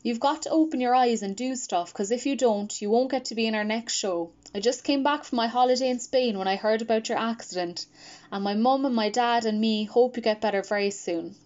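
A woman's voice: a little high, fairly quick, a little mellow, dull audio, lightly acted. A woman reading an eager, chatty schoolboy. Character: lively schoolboy actor.

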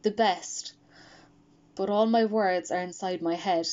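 A woman's voice: lowish voice, fairly even intonation, normal speed, warm tone, muffled recording. A woman narrating a first-person children's story in a reflective, plain way. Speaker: audiobook reader.

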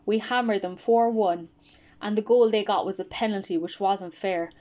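A woman's voice: mid-range voice, dark tone, dull audio, lightly acted. A woman reading a boastful, indignant schoolboy footballer. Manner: indignant, quick.

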